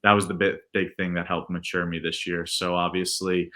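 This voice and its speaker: A man's voice: deep voice, little pitch movement, normal speed, bright, forceful tone. A young man in his twenties answering podcast interview questions in an earnest, rambling way, full of restarts and fillers. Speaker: podcast guest, baseball pitcher.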